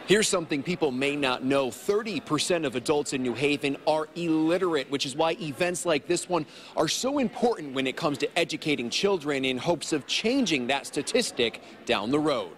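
Male TV reporter, thirties, higher-pitched, piece to camera from a gym. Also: animated, moderate pace. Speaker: TV news reporter. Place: large indoor school gym. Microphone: handheld microphone.

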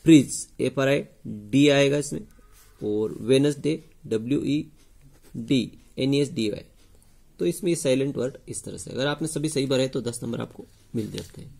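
This man has a gravelly, darkish, mid-range voice and talks at a moderate pace. He's a teacher explaining test answers to students, frequently turning key points into questions for the class before supplying the answer himself.

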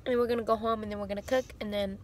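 A woman's voice: medium pitch, steady tone, very fast, slight background noise. A young woman chatting casually to camera as a vlogger, recorded on a phone held at arm's length inside a car. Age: young adult.

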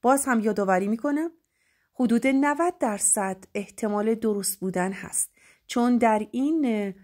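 A woman's voice: on the high side, mellow. A young woman teaching French pronunciation, spelling word endings letter by letter and then saying the sound. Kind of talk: slow spelled-out pronunciation lesson.

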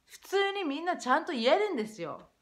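A young woman talking casually to camera about English pronunciation, lively and switching between English and Japanese. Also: very high-pitched, brisk.

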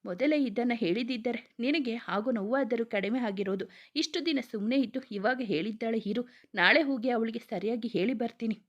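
A woman voicing a loyal young man who is the hero's best friend, brisk and scolding yet protective, in a storybook reading. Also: fairly high pitch, lo-fi sound, close to an everyday voice.

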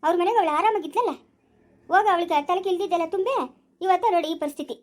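A woman's voice: extremely high pitch, fast talker. A woman, scolding sharply in a homemade family comedy skit.

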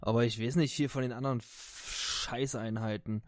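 A man's voice: mid-range voice, steady tone, moderate pace, no echo, clean studio sound, close to an everyday voice. A man playing a crude, foul-mouthed soldier being questioned in a tabletop role-play, swearing and dismissive in his slangy answers. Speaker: game master voicing a character.

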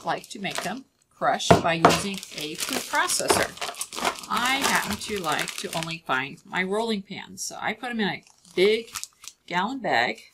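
A woman's voice: lowish voice, lively intonation, measured pace, very noisy. A middle-aged woman, an extension educator, walks through a cooking demonstration step by step in a kitchen. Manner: plain step-by-step instruction. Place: home-style kitchen.

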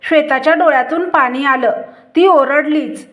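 A woman narrating an emotional family story in a slow, scripted way. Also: sits high.

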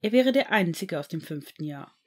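A woman narrating a fan-fiction story in an even, steady reading voice. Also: fairly low pitch, moderate pace. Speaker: audiobook reader.

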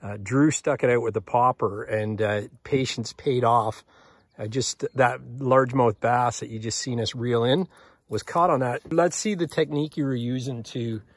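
A man's voice: mid-range voice, normal speed, dry recording, clean studio sound. A young man filming from a small boat on a lake, commenting in an easygoing way on the fishing. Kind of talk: casual outdoor fishing chat. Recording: faint outdoor noise.

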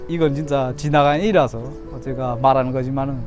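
A man's voice: mid-range voice, fairly even intonation, brisk, music in the background. A man in his thirties from Yanbian, China, with a Chinese-Korean Yanbian accent, telling stories casually to camera as a YouTuber. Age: 30s. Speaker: YouTuber telling childhood memories.

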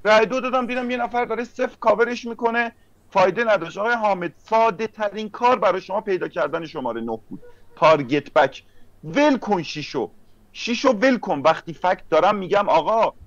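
A man's voice: high voice, dry recording. A man recapping an online mafia game as a player, challenging and reproaching the others. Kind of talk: casual argumentative game recap. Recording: dry lo-fi online call audio.

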